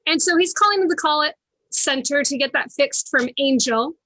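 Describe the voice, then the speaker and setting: A woman's voice: high-pitched, normal speed, sharp tone, no echo. A woman casually hosting a live improv comedy show and introducing games.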